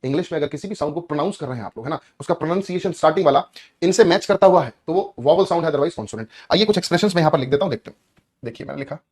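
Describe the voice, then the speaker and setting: Male teacher, classroom lesson; fairly high voice, rapid delivery, keeps quizzing the class. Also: animated, a little mellow, husky. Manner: explains patiently, often asks the class questions. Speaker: English teacher.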